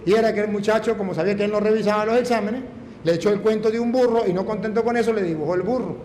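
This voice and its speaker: A middle-aged man, a priest telling a story in an animated, emphatic sermon. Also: sits high, rapid-fire. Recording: echoey hall, faint noise.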